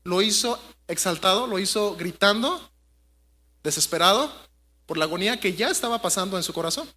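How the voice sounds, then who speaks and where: A man preaching in church. His voice sits high and sounds bright and forward. He talks to the congregation conversationally and keeps throwing rhetorical questions at them. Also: animated, brisk. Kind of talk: sermon.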